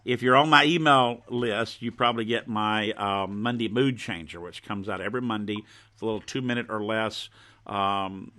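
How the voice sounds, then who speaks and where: A man talking like a folksy home shopping host on a live stream, informally showing and pitching his own products. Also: moderate pace, sharp tone. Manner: folksy, informal show-and-tell.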